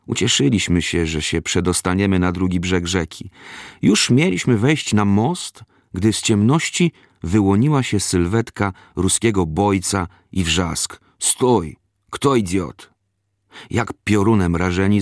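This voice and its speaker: Deep gravelly male narrator, dry sound. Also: no room sound. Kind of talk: scripted memoir narration.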